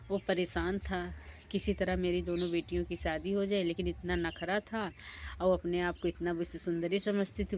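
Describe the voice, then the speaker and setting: A woman's voice: lowish voice, darkish tone, slight background noise. A woman casually telling a folk tale in a plain, repetitive way. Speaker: storyteller. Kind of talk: casual oral storytelling.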